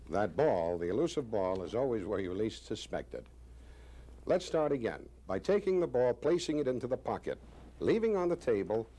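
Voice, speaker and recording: A man in his sixties, a magician presenting a demonstration with deliberate, showman-like, wryly self-praising patter. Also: on the low side. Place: small indoor studio stage with curtain. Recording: faint background noise.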